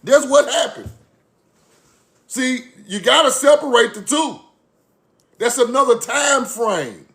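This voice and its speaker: Man, young, high gravelly voice, preachy catchphrase-heavy delivery to his chat. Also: lively intonation, slow pace, long pauses, a bit bright. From Mississippi, USA. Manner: repetitive catchphrases, preachy and emphatic. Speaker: online video host. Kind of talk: casual talk to a live-chat audience.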